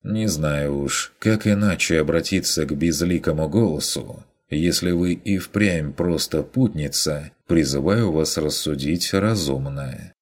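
A man voicing a stern male inquisitor who questions in a measured, coldly commanding way. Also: extremely low pitch, a little mellow. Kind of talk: audiobook character voice.

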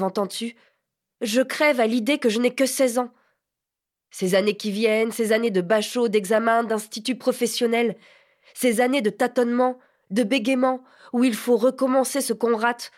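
A woman's voice: fairly high pitch, close to an everyday voice. Woman voicing an exasperated teenage boy. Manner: exasperated, declamatory outbursts. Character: brooding impatient teenage boy.

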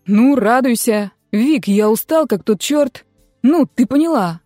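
A woman's voice: a little high, animated, unhurried, mellow, no room sound, studio quality, soft background music. A woman reading the part of a tired, cagey young man speaking over the phone. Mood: weary. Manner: weary, evasive.

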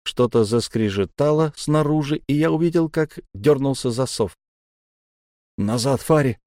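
A man reads a tense adventure story aloud, his voice dark and mellow in tone. The sound is dry and close, with no room behind it. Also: on the high side, lively intonation, normal speed, no room sound. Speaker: audiobook narrator. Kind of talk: dramatic audiobook narration.

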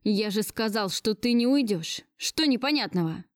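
A woman's voice: medium pitch, lively intonation, normal speed, dry recording, studio quality, close to an everyday voice. A woman voicing a domineering, possessive rich man who barks orders, in her own everyday voice. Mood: commanding. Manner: commanding, barking orders.

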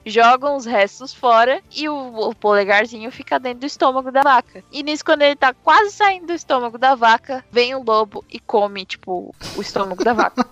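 A woman casually retelling a fairy tale in a slangy, laughing, animated way. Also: sits high, no echo, muffled recording. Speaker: podcast host. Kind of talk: casual storytelling chat.

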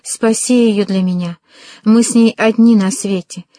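A woman's voice: medium pitch, fairly even intonation, measured pace, mellow, no room sound, close to an everyday voice. A woman voicing a distraught young woman with urgent, pleading cries, in a storybook reading. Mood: desperate.

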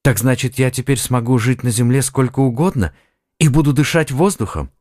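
A man's voice: mid-range voice, expressive, a little fast, a little mellow, dry recording, clean studio sound, pitched above the performer's own voice, natural voice. A man narrating an audiobook who voices an earnest young man of the sea, asking eager, wondering questions. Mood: amazed.

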